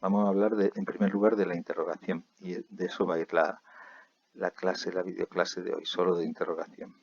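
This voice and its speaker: Patient male teacher, gravelly low voice, home-recorded lesson. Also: little pitch movement, lo-fi sound. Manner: explains patiently, reads examples slowly and clearly.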